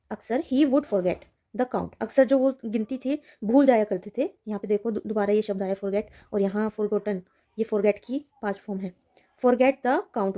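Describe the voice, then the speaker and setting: A woman teaching a children's reading lesson, reading lines slowly and then explaining them in Hindi. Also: mid-range voice, dark tone. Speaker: English teacher.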